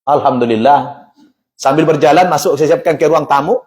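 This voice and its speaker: Male preacher, high voice, animated storyteller at a mosque talk. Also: normal speed. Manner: animated storyteller, acts out dialogue. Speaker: religious teacher.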